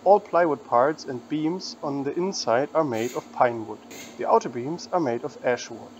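A man narrating a scripted woodworking tutorial in an even, matter-of-fact way. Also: medium pitch, moderate pace, highs cut off, a little hiss or hum. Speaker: woodworking channel host.

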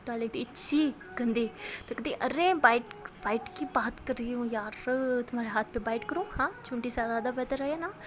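A woman's voice: a little high, normal speed. A young woman with an Indian accent narrating a romantic story, voicing the dialogue of both characters herself. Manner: switches between soft narration and lively voiced dialogue.

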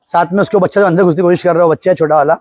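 Rapid-fire and steady in tone, this man's high, darkish voice pushes an eager sales pitch as he shows off goats and their prices in an outdoor farm pen. A nearby phone records the casual walkthrough, yet the sound is dry and of studio quality.

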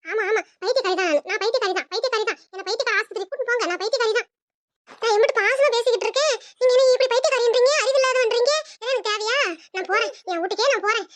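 A woman's voice: very high voice, rapid-fire, a little hiss or hum. A woman voicing a melodramatic, self-pitying daughter-in-law with a Tirunelveli Tamil accent. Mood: wailing. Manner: melodramatic, wailing.

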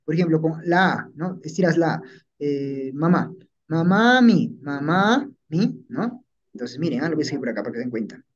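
Guy teaching a class, kinda high voice, keeps asking "right?", muffled recording. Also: quick pace, slightly rough. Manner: explains patiently, checking in with "¿no?" and "¿ya?". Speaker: language teacher. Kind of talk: classroom lesson. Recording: dull lo-fi recording.

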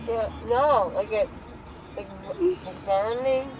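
A woman's voice: a little high, slow pace, recorded from a distance. A young woman, groggy and loopy after wisdom teeth surgery, chatting in a blunt, sassy way. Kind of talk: casual chat. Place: inside a car, camera at close range. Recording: noisy moving car interior.

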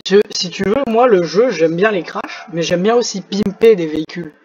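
A man doing excitable, swearing commentary while playing a driving game, shouting at the screen. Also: high voice, moderate pace, highs cut off. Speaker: gaming video creator. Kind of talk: live gameplay commentary. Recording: loud car game sounds under the voice. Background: revving engines and crashes from the game.

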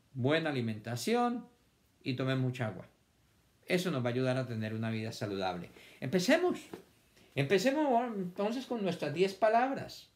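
A man teaching a children's vocabulary lesson, stretching words out syllable by syllable and repeating them for the class to copy. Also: mid-range voice.

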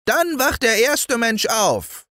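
A man voicing a demanding, greedy little boy who shouts insistently for more. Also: sing-song, slow pace, no room sound, studio quality, exaggerated voice. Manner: shrill and insistent.

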